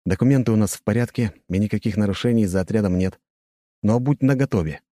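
A man's voice: lowish voice, fast, dark tone, dry recording, pitched above the performer's own voice, lightly acted. A young prince, voiced by a male audiobook reader gives clipped orders with cool authority. The voice is close and dry. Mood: commanding. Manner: curt, authoritative.

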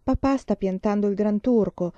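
Brief: impulsive teenage girl, voiced by a woman reading aloud, emphatic, mellow tone, dry audio. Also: medium pitch, moderate pace, no echo, dull audio, natural voice. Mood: earnest.

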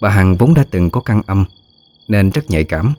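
A man narrating a ghost story in a steady, scripted storytelling manner. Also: deep voice, normal speed.

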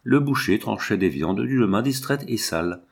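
A man narrating a novel as an audiobook, reading in a measured, expressive way. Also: lowish voice, gravelly, slightly rough.

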